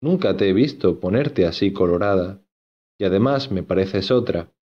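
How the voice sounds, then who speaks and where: A man voicing an agitated, lovesick young gentleman from an old novel. He talks earnestly and insistently in a low voice. The recording sounds dull and lo-fi. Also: lively intonation, normal speed. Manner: earnest, insistent, repeats himself.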